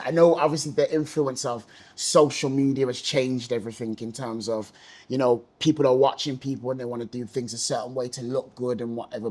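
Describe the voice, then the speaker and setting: Man with easy slangy banter. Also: medium pitch. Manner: constant "yeah, yeah" backchannels, slangy banter. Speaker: interviewer, podcast host. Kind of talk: casual interview chat.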